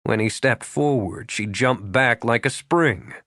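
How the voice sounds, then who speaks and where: A man reading a romance novel aloud in a measured, even manner. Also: medium pitch, no echo. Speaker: audiobook narrator. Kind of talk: scripted romance narration. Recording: dry close studio sound.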